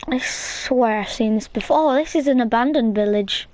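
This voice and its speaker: A woman's voice: on the high side, normal speed, darkish tone. A woman hosting a casual gameplay tutorial, chatty and rambling, with plenty of fillers. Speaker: gaming channel host.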